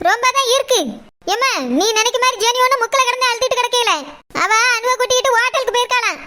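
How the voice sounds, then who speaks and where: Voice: very high-pitched, steady tone, fast, pushed and bright. A performer voicing a blunt middle-aged cartoon daughter, scolding her mother with sarcasm. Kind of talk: cartoon voice acting.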